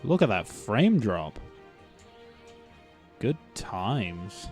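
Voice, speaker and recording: A man's voice: fairly low pitch, sing-song, very slow, a little mellow, soft background music. Young male co-host; laid-back, joking, profane gameplay banter. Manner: jokey, sweary, breaks into silly voices. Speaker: gaming podcast co-host. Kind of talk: casual chat over gameplay.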